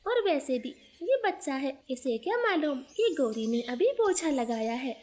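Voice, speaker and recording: A woman voicing a gentle young female sparrow daughter-in-law in a storybook cartoon, speaking softly and patiently. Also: high-pitched, very animated, unhurried. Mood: meek. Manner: soft, meek, patient.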